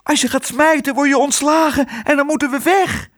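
A man's voice: very high-pitched, moderate pace, a bit bright, pitched above the performer's own voice. A man reading a storybook aloud and voicing a brave little girl who pleads urgently with her father. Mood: pleading.

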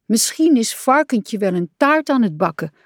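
A woman's voice: a little high, very animated, moderate pace, dry recording, studio quality, pitched above the performer's own voice. A woman voicing a small, timid male frog who whines and complains in a storybook. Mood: plaintive. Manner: plaintive, complaining.

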